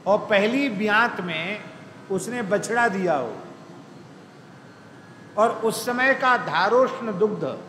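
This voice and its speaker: A man's voice: high voice, a bit bright. A man giving a devotional discourse as a spiritual teacher, telling stories and repeating key phrases for emphasis. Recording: echoey hall with faint background noise.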